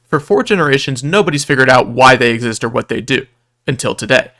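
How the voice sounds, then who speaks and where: A man with a medium-pitched, sharp voice narrates a scripted video recap of a roleplay event, speaking fast and expressively. His tone is casual and wry, sometimes shifting into dramatic storytelling.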